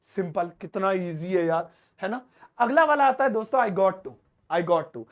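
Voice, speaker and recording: A man teaching an English lesson in a casual, chatty way, stretching words out slowly as he writes them on the board. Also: high voice. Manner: lively, stretches words slowly when writing; talks to an off-screen helper.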